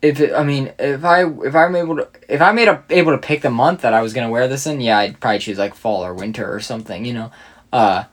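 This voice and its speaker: A man's voice: medium pitch, fast. A young man co-hosting a podcast, chatting casually and joking with his co-host. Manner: joking, bantering. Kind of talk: casual chat.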